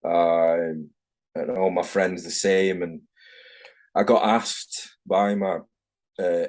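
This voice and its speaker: A deep, slightly mellow voice comes from a middle-aged man, a tattoo artist guest from Manchester, England, speaking Manchester English. His talk in this casual video-call interview is rambling and frank, and he often corrects himself mid-thought.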